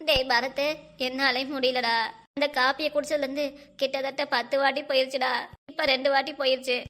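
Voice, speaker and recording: A woman's voice: high-pitched, little pitch movement, fairly quick, fairly bright tone. A woman voicing an ailing, complaining middle-aged village mother in a cartoon, groaning and whining as she talks. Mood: groaning, whiny. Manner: whiny, moaning, groaning with stomach pain. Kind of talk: cartoon voice acting.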